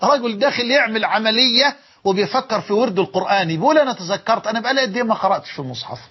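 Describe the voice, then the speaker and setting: A man with a high-pitched, expressive, husky voice preaches a sermon in an Egyptian Arabic accent, racing along as he tells stories emotionally and repeats key phrases. The recording is dull lo-fi.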